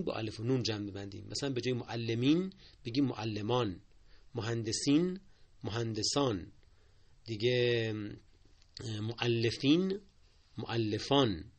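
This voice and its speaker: Guy teaching proper word use, gravelly voice, patient, repeats stuff so it sticks. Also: mid-range voice. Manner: patient and explanatory, repeats key points and asks listeners to take note. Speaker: Persian language teacher. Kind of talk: spoken lesson on correct usage.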